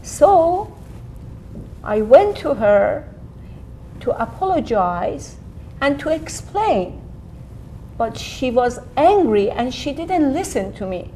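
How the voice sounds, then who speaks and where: Woman playing earnest, slow-spoken mother in court. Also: a little high, mellow, a little hiss or hum, low-quality recording. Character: earnest immigrant mother defending herself in court. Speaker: actor playing a defendant. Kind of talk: acted courtroom drama dialogue.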